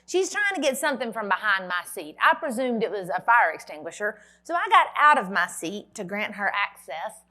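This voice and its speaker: A woman's voice: medium pitch, sing-song, normal speed, few pauses, sharp tone. A woman, giving a motivational keynote at a conference and telling a dramatic story with wry humor. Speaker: motivational speaker. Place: conference hall.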